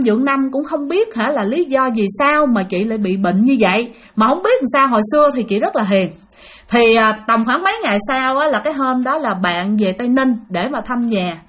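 High-voiced woman storyteller. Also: fairly bright tone. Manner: chatty, addresses listeners directly. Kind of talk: spoken ghost story narration.

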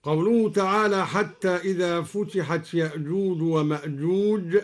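A man from Egypt giving a radio lesson on recitation variants, calmly explaining each point and then chanting the verse slowly and melodically. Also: high-pitched. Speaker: Quran recitation teacher.

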